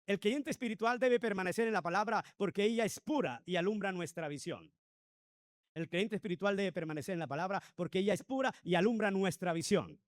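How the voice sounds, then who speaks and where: High-voiced emphatic preaching man. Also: fairly quick, dry recording, clean studio sound. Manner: emphatic preaching, rhetorical questions to the congregation. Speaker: pastor. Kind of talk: Sunday school sermon.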